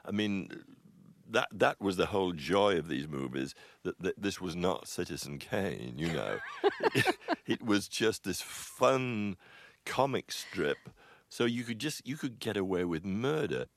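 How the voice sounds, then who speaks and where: A man who composes film music, recalling stories in an interview, halting and full of restarts and chuckles. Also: sits low, sing-song, no room sound. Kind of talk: anecdotal interview chat.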